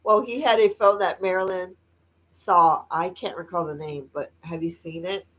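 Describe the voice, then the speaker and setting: A woman's voice: on the low side, fairly even intonation, moderate pace, fairly bright tone, poor audio. A woman from Indiana co-hosting a live stream, chatting casually, laughing often and reading viewer comments aloud. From Indiana, United States.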